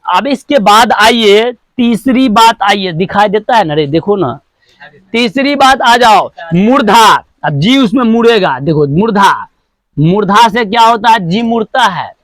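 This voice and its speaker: A man with a rather high voice teaches a grammar lesson at an unhurried pace. He goes over each point again and again and keeps asking questions that he answers himself. The sound is close and dry. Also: animated, a bit bright, dry recording. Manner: repetitive, asks and answers his own questions; drills sounds one by one.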